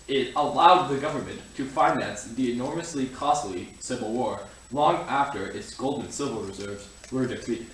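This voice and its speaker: A man reading scripted history narration as the narrator of a show. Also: medium pitch. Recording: echoey room, distant mic, faint noise.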